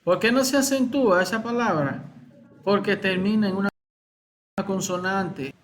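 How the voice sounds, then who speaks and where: A male teacher with a Dominican accent, explaining exam answers to his students slowly, repeating key words and asking questions. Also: sits high. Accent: Dominican Spanish. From Dominican Republic.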